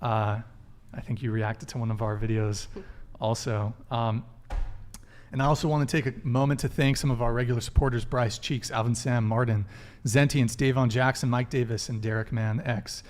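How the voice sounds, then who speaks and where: A man hosting a live dating podcast, joking around and firing off quick follow-up questions to his guests. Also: mid-range voice, fairly even intonation. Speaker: podcast host. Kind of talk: casual live-stream chat.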